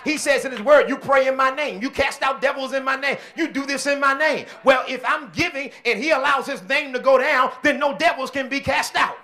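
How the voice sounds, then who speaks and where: A man preaching a sermon as senior pastor, with call-and-response shouting bursts and quieter stretches. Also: extremely high pitch, a little fast, hardly any pauses. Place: church.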